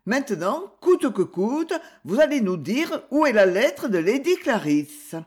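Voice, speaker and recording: A cool, commanding young woman detective voiced by a reader in an audiobook, her lines set clearly higher than the narration and spoken at an unhurried pace. Her melody swings widely, and she can put on a stammering tipsy act. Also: big pitch swings, a little mellow. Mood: cold commanding. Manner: shifts from drunken stammering to icy command.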